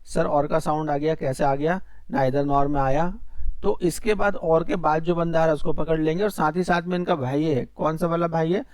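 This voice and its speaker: A man's voice: a little high, moderate pace, darkish tone, dry recording. A male teacher speaking. He explains grammar in a casual classroom lesson, asking questions and then answering them himself. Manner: mixes Hindi and English, asks and answers his own questions. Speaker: English teacher.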